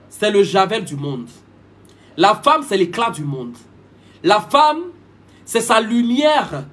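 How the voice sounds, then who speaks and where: A man's voice: sits high, fairly bright tone, breathy edge. A man giving a preachy, repetitive live-stream monologue, switching languages mid-sentence. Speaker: livestream host.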